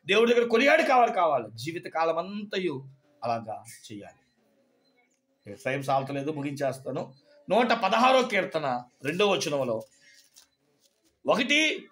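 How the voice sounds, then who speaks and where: High-voiced male pastor preaching. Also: a bit bright. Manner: storytelling, asking the congregation questions. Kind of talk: sermon.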